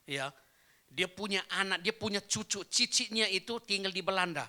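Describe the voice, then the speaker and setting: A man preaching a sermon as pastor, telling a story and acting out the dialogue with sudden loud, high exclamations. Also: moderate pace. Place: church.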